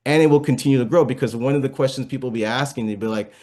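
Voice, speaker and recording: Racing along in a darkish, medium-pitched voice, this investment speaker is a guest in an interview. Despite the speed he explains patiently, stumbling through many fillers and restarts and asking if it all makes sense.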